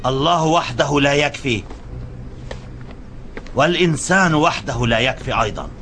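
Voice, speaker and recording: A man's voice: fairly high pitch, moderate pace, fairly bright tone, slight background noise. An actor playing a fervent Judean rebel preaching to his people in a dubbed historical drama. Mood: urgent, exhorting.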